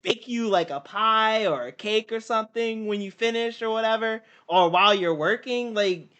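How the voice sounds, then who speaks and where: A young adult streamer with a bright, forceful voice at middle pitch. The talk is casual, slangy and repetitive, like live reaction chat. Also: normal speed, clear, resonant tone.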